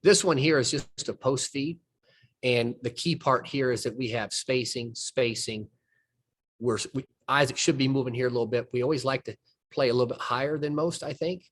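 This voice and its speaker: A basketball coach from the southern United States discusses game footage in a mid-range voice with a fairly bright tone. Folksy and patient, he takes each play step by step, frequently trailing off and starting his sentences over.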